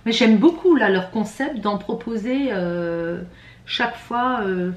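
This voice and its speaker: A woman vlogger chats casually while unboxing a beauty box, hesitating often with fillers and restarts. She describes her own voice as slightly rattly; it's medium-pitched and slow. The sound is reverberant.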